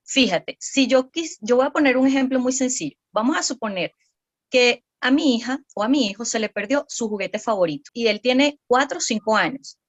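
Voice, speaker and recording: High-voiced woman explaining patiently. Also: animated, moderate pace, lo-fi sound. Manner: patient, explanatory, with frequent fillers like "entonces, bueno" and tag questions. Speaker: guest psychopedagogue. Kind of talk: podcast interview, explaining parenting.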